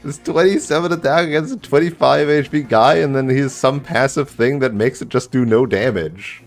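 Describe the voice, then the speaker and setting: A man's voice: mid-range voice, moderate pace. A man doing live video game commentary, casually thinking aloud as he plays. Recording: game music behind the voice. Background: video game music.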